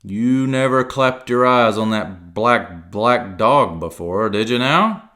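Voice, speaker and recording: A man's voice: mid-range voice, sing-song, measured pace, fairly bright tone, pitched above the performer's own voice. A man reading aloud and voicing a cunning, one-legged pirate cook who blusters in salty sea talk. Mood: blustering.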